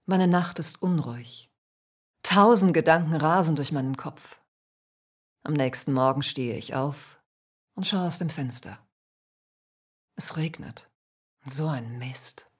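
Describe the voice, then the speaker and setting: A woman calmly narrating a first-person spiritual story in a measured, soft-spoken way. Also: sits low, slightly rough.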